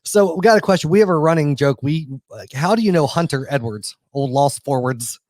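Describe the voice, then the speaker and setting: A man's voice: fairly high pitch, expressive, brisk, a little mellow, dry recording. A man hosting a podcast, rambling and swearing casually with lots of restarts and laughs. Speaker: podcast host.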